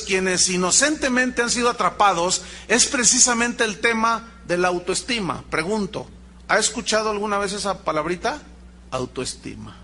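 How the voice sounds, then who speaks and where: A man's voice: high-pitched, slight background noise. A man preaching a sermon, telling stories and asking the congregation questions. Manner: animated, storytelling, rhetorical questions to the congregation. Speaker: pastor.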